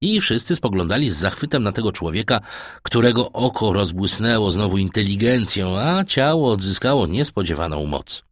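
A man giving measured scripted narration of an audiobook. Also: on the low side, expressive, no room sound, clean studio sound.

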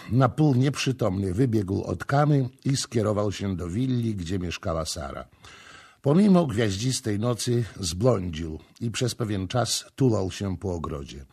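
A man narrating a literary audiobook in a slow, deliberate storytelling manner. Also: on the low side, breathy edge.

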